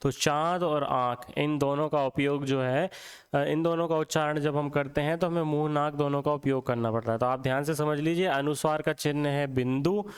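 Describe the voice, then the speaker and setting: A man teaching Hindi for exams, explaining step by step and repeating words slowly to show how they sound. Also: on the high side, fairly even intonation, smooth. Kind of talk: classroom lecture for exam prep.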